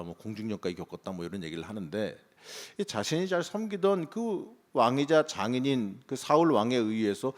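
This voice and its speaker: A man's voice: mid-range voice, darkish tone. A male pastor preaching a morning sermon, talking in a conversational way and rising into emphatic bursts. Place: church sanctuary. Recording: long church reverb.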